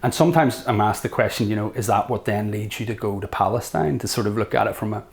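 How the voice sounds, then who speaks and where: A middle-aged man with a Northern Irish accent, a guest academic talking in an interview, thoughtful and reflective, often pausing and restating his points. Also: on the low side, creaky. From Northern Ireland. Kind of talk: conversational interview.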